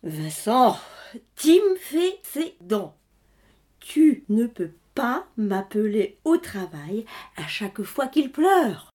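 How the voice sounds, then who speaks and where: A woman's voice: on the high side, fairly quick, few pauses, warm tone, husky. A woman playing a weary, exasperated wife.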